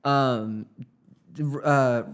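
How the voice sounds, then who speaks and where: A man's voice: medium pitch, steady tone, very slow, smooth. A young man in college co-hosting a podcast, telling stories loosely with lots of fillers. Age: young adult. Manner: loose, filler-heavy storytelling. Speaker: podcast co-host. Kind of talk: casual chat.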